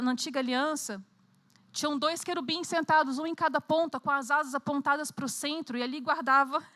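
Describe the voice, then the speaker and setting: A woman's voice: sits high, sharp tone. A Brazilian woman preaching a sermon at a conference, telling the story dramatically and acting out the scenes. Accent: Brazilian Portuguese. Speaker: conference speaker. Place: conference hall.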